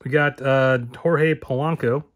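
A man's voice: a little high, fairly even intonation, unhurried. A man hosting a card-opening video, listing the names in each pack and rambling as he corrects himself. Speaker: card-opening channel host. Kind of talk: casual card-opening commentary.

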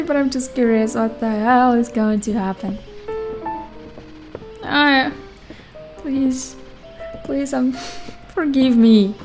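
A woman doing playful let's play commentary, excitable and given to exclaiming, reading game dialogue aloud. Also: sits high, poor audio. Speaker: gamer playing and commenting. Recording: game music behind the voice. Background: game music.

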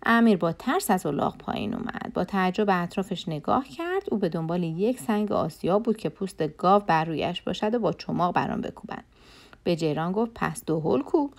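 A woman narrating a children's folk tale with a steady, clear storytelling delivery. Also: fairly low pitch.

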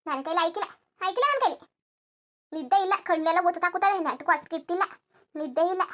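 A put-upon young village daughter-in-law, voiced by a woman for a family cartoon, rambling through her grievances. Her voice sits high and her pace is quick, and she. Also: flat delivery, a bit bright. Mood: venting. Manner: complaining, rambling grievance monologue. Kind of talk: cartoon voice acting.

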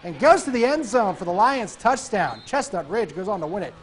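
A man anchoring TV sports, giving playful, informal football highlights commentary. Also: big pitch swings, a little fast, faint music behind. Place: TV studio.

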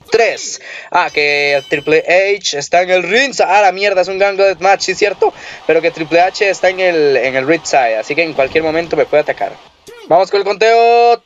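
Excitable, foul-mouthed young game commentator. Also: male voice, on the high side. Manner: excitable, profane, yelling at the game. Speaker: gameplay commentator. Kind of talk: casual gameplay commentary. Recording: lo-fi muffled recording.

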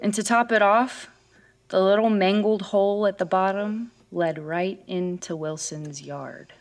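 In a horror audio drama with music underneath, a woman plays a frightened, hesitant character recounting a disturbing experience while searching for her dog. The piece mixes narration and acted scenes, and her medium-pitched, steady, lightly acted voice has a halting quality and a haunted tone.

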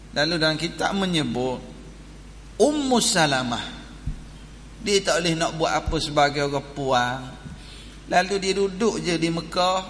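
A male preacher with a Kelantan Malay accent, giving a Friday religious talk in a mosque as a lively storyteller who jokes with the congregation. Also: on the high side, slight background noise. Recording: echoey mosque hall, faint ambience.

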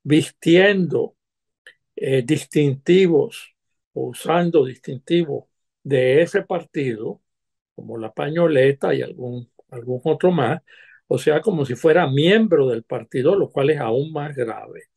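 An older man, a former diplomat, giving measured commentary over a video call from a home study. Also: on the high side, creaky, darkish tone, slightly rough.

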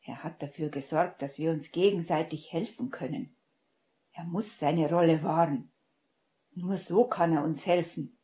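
A woman puts on a stern, calm male wizard who speaks in a hushed, urgent whisper, in a whispered role-play from a storybook reading. The voice sits low and sounds dark and mellow. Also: unhurried.

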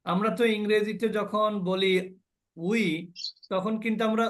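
A man's voice: sits high, fairly even intonation, unhurried, a bit bright. A man teaching a class on the pronunciation of Arabic letters, drilling sounds and asking his students questions. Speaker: Quran recitation teacher. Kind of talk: online class lesson.

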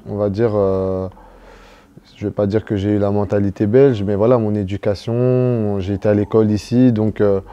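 The audio is dull as a young footballer, from Cameroon but brought up in Belgium, gives halting interview answers full of fillers and restarts. He speaks at normal speed in a fairly low, mellow voice with a steady tone.

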